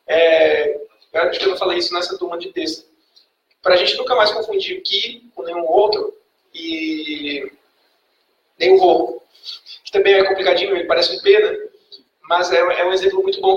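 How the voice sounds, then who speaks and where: A Brazilian Portuguese-speaking man teaching a class, patiently quizzing students and checking in with a quick "tá?" after each point. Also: high voice, lively intonation, a bit bright, distant mic, muffled recording, a little hiss or hum. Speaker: Greek language teacher. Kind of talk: classroom lecture. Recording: echoey classroom recorded from afar.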